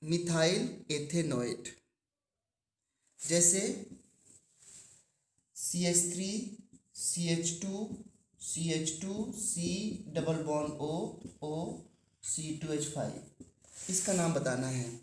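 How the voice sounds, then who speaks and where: A man teaching chemistry to a class, asking the students questions and drawing out key terms slowly. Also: a little high, a little mellow, roomy sound. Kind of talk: classroom lecture.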